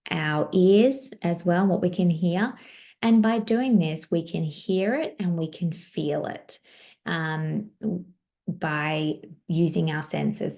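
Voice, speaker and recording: A former teacher giving a parenting webinar, encouraging and demonstrating words slowly, syllable by syllable. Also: female voice, low-pitched, gravelly, warm tone.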